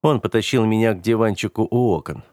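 A man reading a first-person story as an audiobook narrator in a steady, measured way. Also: on the low side, no echo, clean studio sound.

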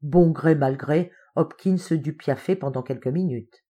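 A woman narrating an audiobook in a measured, literary storytelling manner. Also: low-pitched, dark tone, slightly rough. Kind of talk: scripted narration.

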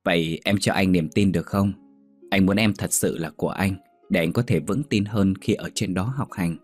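A man's voice: sits low, normal speed, soft background music. Man playing a coaxing manipulative young man.

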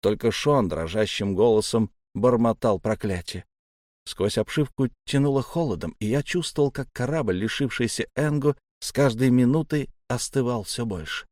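A man narrating a fantasy novel in the first person, with a measured, steady reading. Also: mid-range voice, no room sound, clean studio sound. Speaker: audiobook narrator.

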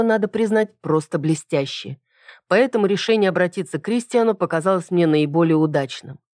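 Expressive woman reading a fantasy audiobook. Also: on the low side, no room sound, clean studio sound. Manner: expressive, lively dialogue delivery. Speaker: audiobook narrator. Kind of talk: first-person fantasy audiobook narration.

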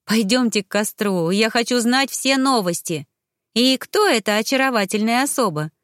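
A woman's voice: on the high side, animated, moderate pace, fairly bright tone, no echo, studio quality. A woman voicing a cheerful, welcoming young red-haired woman.

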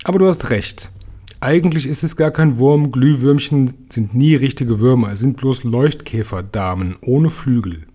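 A man's voice: mid-range voice, normal speed, slightly rough, close to an everyday voice. A man reading a storybook, voicing a bossy, short-tempered male centipede who snaps orders. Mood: grumpy, bossy. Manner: snappish, shouting orders.

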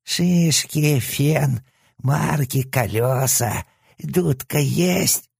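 Pitching above his natural voice, a man performs the crude, cheeky left head of a three-headed hellhound for an audiobook, with a nasal, sleazy junkie's whine that's a little high, very slow, slightly rough, a bit mellow and full of vocal fry. The sneering full character voice is recorded dry in studio quality.

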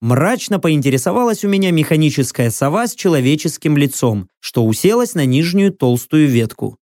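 A man reading a first-person fantasy novel aloud, in a gruff, coarse and unhurried way. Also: on the high side, animated, darkish tone, dry recording, clean studio sound. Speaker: audiobook narrator. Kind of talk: first-person audiobook narration.

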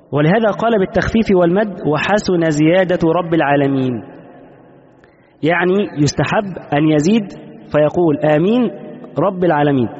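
A man's voice: on the high side, darkish tone, slightly rough. A man teaching a classical legal text, reading passages and explaining them in colloquial asides. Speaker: sheikh teaching Islamic law. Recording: dull lo-fi audio with long reverb.

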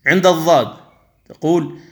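A man teaching Quran recitation. He explains each rule slowly and carefully, then stretches the examples out into chanted recitation, and sometimes contrasts a wrong reading with the right one. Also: on the high side, a bit bright.

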